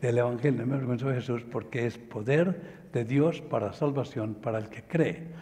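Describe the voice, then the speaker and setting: A man preaching a sermon who tells a story emphatically and slows down to stress key phrases. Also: mid-range voice, dark tone. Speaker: pastor. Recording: reverberant hall sound.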